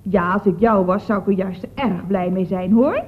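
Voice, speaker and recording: A woman's voice: medium pitch, moderate pace, slightly rough, natural voice. An actress playing a chatty, gushing female office clerk in a 1960s radio comedy. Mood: gossipy. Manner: chatty, gushing, lively swings of tone. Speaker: office receptionist at a building firm. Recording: old phone-like radio recording.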